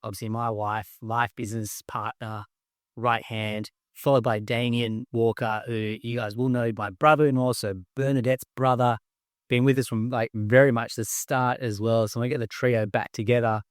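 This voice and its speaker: A man's voice: medium pitch, level tone, moderate pace, clean tone, no room sound, clean studio sound. A man, co-hosting a podcast in casual, enthusiastic chat with many fillers and restarts. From Australia. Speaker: podcast host, company co-founder.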